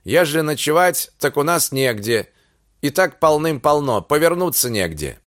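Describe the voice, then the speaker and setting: A man's voice: on the high side, big pitch swings, moderate pace, a bit bright, no room sound, clean studio sound. A man voicing an older, meek Cossack house owner who answers warily in an audiobook. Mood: wary. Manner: wary, defensive.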